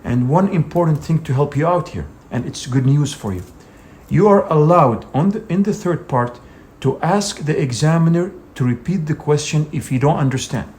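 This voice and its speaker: Speaking at a normal speed, this man has a voice on the high side with a darkish tone. He delivers an English speaking exam lesson as an instructional video, coaching emphatically and directly with many a "you know."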